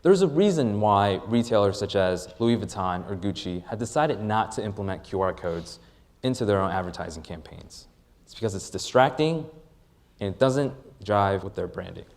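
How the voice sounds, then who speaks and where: Delivering a well-rehearsed product pitch, this startup presenter speaks in a lower register. His energy is high, his pitch rises and falls widely, and he leans hard on the key phrases.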